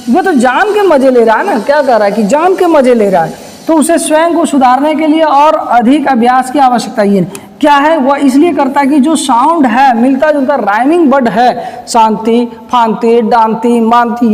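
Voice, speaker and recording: A woman's voice: a little high, a little mellow. A woman teacher working through past exam questions step by step. She keeps asking a rhetorical question and answering it herself, and she repeats the key terms. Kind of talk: recorded lesson solving past exam questions. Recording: long reverb, echoey room.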